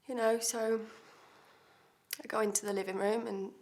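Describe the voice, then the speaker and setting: A woman's voice: on the high side, flat delivery, normal speed, darkish tone, natural voice. A woman acting a blunt, defiant woman, confessing under questioning in a swearing, hesitant self-tape monologue. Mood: bitter. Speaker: actor.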